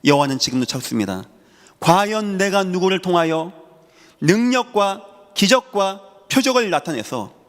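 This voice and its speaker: A man's voice: high voice, a bit bright. A man preaching a Sunday sermon as pastor, emphatic and acting out the voices he quotes. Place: church sanctuary. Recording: long hall reverb.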